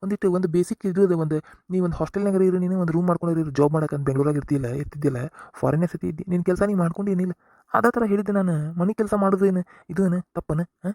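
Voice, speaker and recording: Rapid-fire exasperated young husband, voiced by an actor. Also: mid-range voice, fairly even intonation, dark tone, no echo, studio quality, natural voice. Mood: scolding. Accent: North Karnataka Kannada. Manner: scolding, lecturing, fast. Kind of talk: cartoon comedy voice acting.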